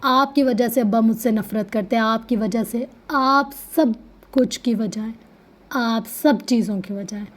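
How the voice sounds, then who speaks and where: A woman voicing a bitter, vengeful young woman who shouts and then goes cold and clipped, in a storybook reading. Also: a little high, close to an everyday voice. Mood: furious.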